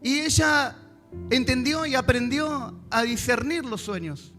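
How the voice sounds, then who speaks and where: Pastor guy preaching, super high voice, music playing behind him. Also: unhurried, a bit bright. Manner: preaches to a congregation, acting out prayers and replies. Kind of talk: sermon. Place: church service.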